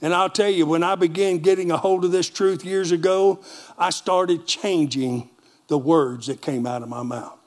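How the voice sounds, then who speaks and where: A man preaching a lively sermon in a church with a Texan accent, calling for amens from the congregation. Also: a little high, moderate pace. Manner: animated preaching with call-and-response. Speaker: pastor.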